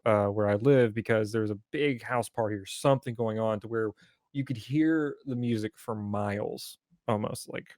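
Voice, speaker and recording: A man's voice: fairly low pitch, moderate pace, a little mellow, dry recording, clean studio sound. A man, rambling through a casual story on a podcast and cursing freely. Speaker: podcast co-host. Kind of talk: casual chat.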